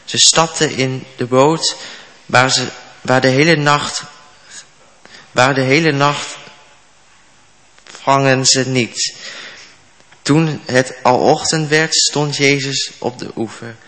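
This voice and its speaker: A man reading a Bible passage aloud in a measured, plain way, with a few slips. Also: medium pitch, fairly even intonation, sharp tone. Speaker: scripture reader. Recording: long hall reverb.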